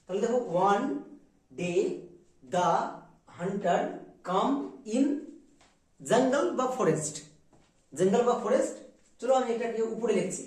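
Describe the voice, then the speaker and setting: High-voiced man teaching in an echoey room. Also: expressive, takes it slowly, long pauses, a little mellow, distant mic. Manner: drills students with repeated questions. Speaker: English pronunciation teacher. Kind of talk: classroom lesson.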